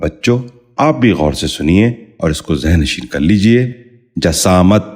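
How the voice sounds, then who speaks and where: A middle-aged man with a very low, deep voice reads a scripted pronunciation lesson. He speaks in a formal, measured way and repeats each word slowly and carefully. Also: expressive, darkish tone, husky. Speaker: Urdu pronunciation teacher.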